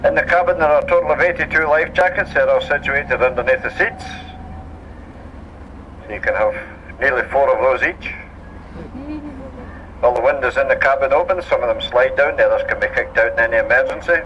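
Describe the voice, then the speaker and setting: A man's voice: medium pitch, a little fast, pauses often, muffled recording, a little hiss or hum. A Scottish man giving a joking safety briefing and tour commentary as a ship tannoy announcement. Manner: dry, joking patter. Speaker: tour boat crewman.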